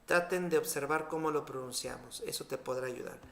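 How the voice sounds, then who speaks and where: A man with a Mexican Spanish accent, explaining spelling rules in a clear, deliberate scripted lesson. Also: mid-range voice, a bit bright, echoey room. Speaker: spelling teacher.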